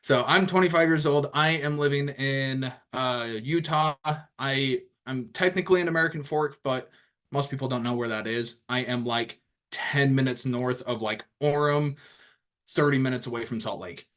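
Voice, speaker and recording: A man's voice: medium pitch, steady tone, moderate pace, fairly bright tone. Rambling young man hosting a video call. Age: 20s. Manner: rambling, casual, lots of fillers and restarts. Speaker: host of an online training call. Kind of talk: casual self-introduction on a group call.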